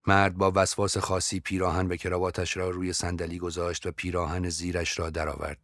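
Very deep-voiced male storyteller. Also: monotone, a bit bright, no room sound, studio quality. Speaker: narrator. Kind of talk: audiobook narration.

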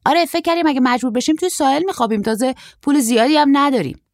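Woman playing a stocky young surfer guy, high voice, eager, dry close sound. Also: no room sound. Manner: excited, quick, high-pitched boyish delivery.

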